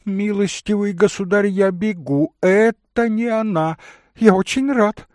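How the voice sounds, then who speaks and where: A man playing a frantic, excitable young lover. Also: fairly low pitch, takes it slowly, breathy edge, dry recording, clean studio sound, full character voice. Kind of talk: audiobook character reading.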